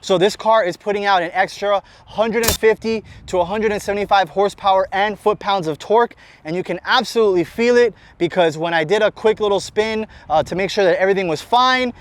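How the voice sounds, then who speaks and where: An American man with an energetic, enthusiastic manner, talking fast and unscripted as he presents a car outdoors on a city street. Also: high voice, slight background noise. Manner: energetic, enthusiastic, talks fast in long run-on sentences. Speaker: shop owner presenting a car.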